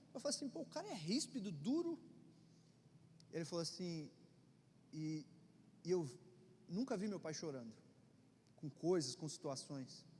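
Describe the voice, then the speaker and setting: Brazilian pastor, man, middle-aged, Brazilian Portuguese accent, high voice, chatty sermon with loud and hushed swings, reverberant church hall. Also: slight background noise. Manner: conversational preaching, swings between loud urgency and quiet intensity. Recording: long reverb of a church hall, faint ambience.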